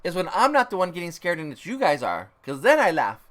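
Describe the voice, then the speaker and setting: A man's voice: sits high, wildly swooping pitch, fast, a bit bright. Easygoing, tired man co-hosting a livestream. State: tired, ready for bed. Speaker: live stream co-host and vlogger. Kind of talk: casual livestream chat.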